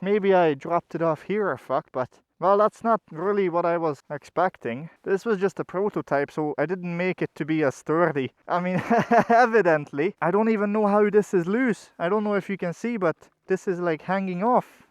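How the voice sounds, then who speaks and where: Higher-voiced man talking inside a helmet. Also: moderate pace, few pauses, clear, resonant tone, no echo, muffled recording. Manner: swears often. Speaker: motovlogger. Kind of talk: casual motovlog talk to viewers. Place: outdoors on a motorbike and at the roadside.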